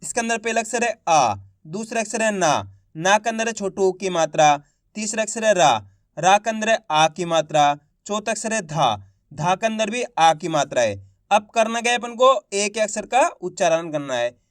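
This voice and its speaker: A man's voice: sits high, expressive, moderate pace, no echo, studio quality. A man teaching reading online, sounding out words syllable by syllable and repeating each one in an encouraging tone. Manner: encouraging, addresses viewers as friends.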